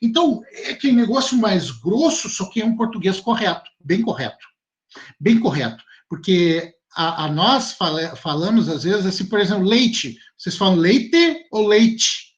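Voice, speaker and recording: A man with a Rio Grande do Sul accent teaching a class, lively and chatty, speaking straight to his students. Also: high voice, normal speed. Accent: southern Brazilian, Rio Grande do Sul. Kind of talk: online class talk to students.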